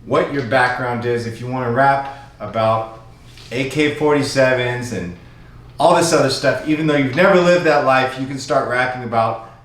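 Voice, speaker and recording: A man's voice: medium pitch, moderate pace, a bit bright. A man hosting his own channel, explaining fight clips in a casual, repetitive recap. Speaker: YouTube commentator. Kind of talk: casual commentary over clips. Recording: very echoey room.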